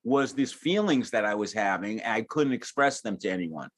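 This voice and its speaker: An older man co-hosting a podcast in casual chat, rambling and bawdy with halting restarts. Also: on the low side, animated. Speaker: podcast co-host.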